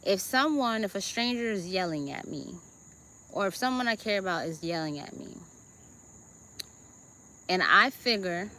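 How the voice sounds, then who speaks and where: A woman with a Jamaican accent gives a deliberate self-help talk as host, often checking in with her listeners with "okay?" and "right?". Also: medium pitch, animated, fairly bright tone, a little hiss or hum.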